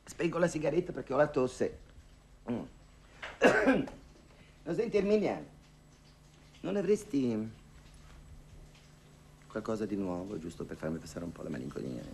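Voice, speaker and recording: A man's voice: lowish voice, lively intonation, normal speed, vocal fry, long pauses, dark tone, slightly rough, heavily acted. An actor playing a lonely older woman who gossips and haggles on the phone in a theatrical monologue, sighing and wryly complaining. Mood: bargaining. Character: lonely, wry older woman hiring a dance partner.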